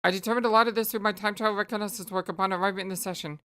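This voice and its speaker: A woman's voice: medium pitch, fairly even intonation, racing, fairly bright tone, smooth, natural voice. A woman playing a wry know-it-all young woman. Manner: articulate, wry.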